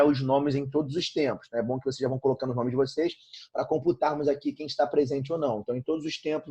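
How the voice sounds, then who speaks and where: A man's voice: fairly high pitch, a little mellow, slightly rough. A Brazilian man teaching an informal online grammar lesson, repeating points and checking in with frequent tag questions. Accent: Brazilian Portuguese.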